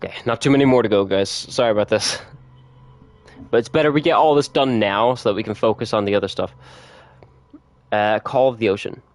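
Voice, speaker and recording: A man chatting casually with viewers on a gaming livestream, laid-back and quick to laugh. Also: fairly low pitch, no echo. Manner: relaxed, chatty, laughs often, reads notes aloud. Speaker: streamer.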